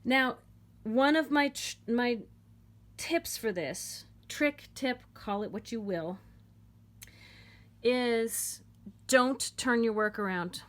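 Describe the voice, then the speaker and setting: A woman's voice: on the high side, takes it slowly, pauses often. A woman teaching a knitting technique at home in a casual, chatty and playful way, joking and repeating herself as she goes.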